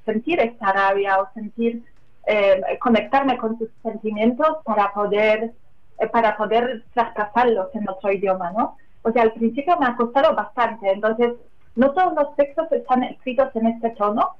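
A woman being interviewed about her translation work, talking casually and haltingly, with many fillers and tag questions. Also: fairly high pitch. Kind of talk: casual radio interview answers. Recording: dull lo-fi audio.

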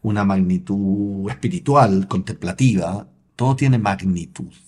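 A man's voice: deep voice, a little slow, a little mellow. A man co-hosting a podcast, introducing segments in an easygoing, appreciative way. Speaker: co-host.

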